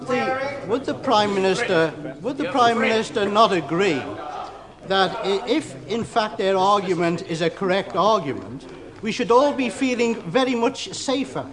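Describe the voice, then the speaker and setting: A man, a member of parliament, putting an indignant, halting challenge in a heated parliamentary debate. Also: sits high, animated. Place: large parliamentary chamber. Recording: chamber with loud crowd.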